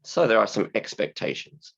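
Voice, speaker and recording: Male lesson presenter, lowish and animated, hoarse with creaky starts, deliberate wording for learners, slightly dull recording. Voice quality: croaky, creaky voice. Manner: simple, deliberate phrasing for learners, emphatic. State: hoarse, croaky from a sore throat. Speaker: university English teacher. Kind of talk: scripted-slide lesson explanation.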